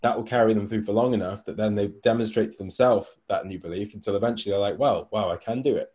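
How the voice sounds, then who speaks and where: This fast-talking man, a coach, speaks in a mellow, darker, lowish voice during a casual podcast discussion. His talk is loose and full of fillers such as "like" and "you know".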